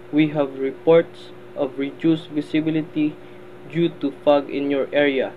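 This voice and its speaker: A man playing a formal vessel traffic service operator in a scripted marine radio exchange, with procedural phrasing. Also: on the high side. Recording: tinny band-limited radio sound, faint noise.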